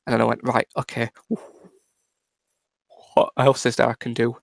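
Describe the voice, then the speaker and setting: A man as a gravelly radio show caller. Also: medium pitch, monotone. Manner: halting, with fillers and restarts. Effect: call-in voice heard over a call line. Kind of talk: casual chat.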